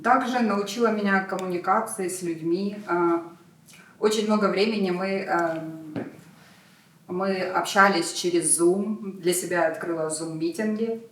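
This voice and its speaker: A woman's voice: on the low side, normal speed, reverberant, recorded from a distance, a little hiss or hum, poor audio. A woman hesitantly telling in an interview what a community film project gave her. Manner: hesitant, with fillers and restarts. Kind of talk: reflective interview answer.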